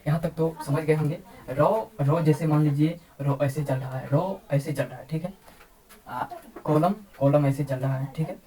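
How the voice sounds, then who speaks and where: A woman teaching a math lesson, explaining slowly and repeating key terms over and over. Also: low-pitched, fairly even intonation, mellow, rough recording. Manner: repeats words and says "ठीक है" often, slow deliberate explaining. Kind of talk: classroom-style math lesson.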